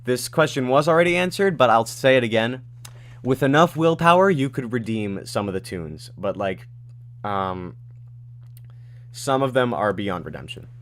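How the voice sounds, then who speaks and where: A man casually answering his viewers' questions at home during a livestream, reading them out and rambling through quick asides. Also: medium pitch, expressive.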